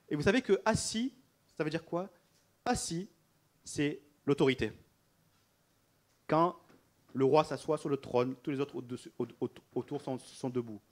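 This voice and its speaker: A man preaching a sermon in an animated way, repeating phrases and laughing between them. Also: fairly high pitch. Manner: animated, repetitive, often laughing mid-phrase.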